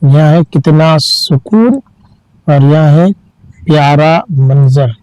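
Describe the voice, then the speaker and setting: A man teaching reading, spelling each word out letter by letter and then reading it slowly and patiently. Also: a little high, warm tone, no echo, dull audio. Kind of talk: slow letter-by-letter reading lesson.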